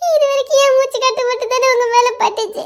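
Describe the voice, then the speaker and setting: A woman's voice: extremely high pitch, steady tone, fast talker. A woman playing a sobbing young wife. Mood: tearful, pleading. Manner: sobbing and laughing through tears. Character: young wife, tearful, jealous and self-blaming. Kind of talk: Tamil romance audio drama.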